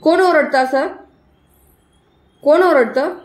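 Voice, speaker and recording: A young Maharashtrian mother who hosts a vlog speaks slowly to her little ones at home in a high voice, coaxing and sing-song, saying things over again. The audio has a roomy sound.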